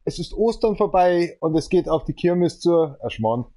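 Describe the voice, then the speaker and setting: A man, a gaming livestreamer chatting loudly and teasingly on a phone call over his stream. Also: fairly high pitch. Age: 30s. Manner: loud, joking and teasing. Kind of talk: casual phone chat during a livestream. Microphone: earbuds in, calling over the stream mic.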